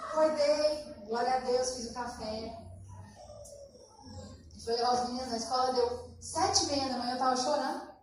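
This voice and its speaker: A woman pastor preaching a sermon, telling a lively personal story and acting out conversations. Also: sits high, moderate pace, background noise. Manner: animated storytelling, acting out dialogue. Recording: echoey church hall from far off.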